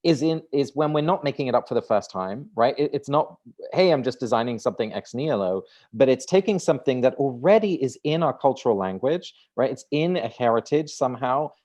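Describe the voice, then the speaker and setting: In a conversational interview, a native Dutch speaker from the Netherlands, a man in his thirties appearing as a guest author, works through his ideas aloud. He keeps starting over and repeating words, his mid-range voice carrying a darkish tone.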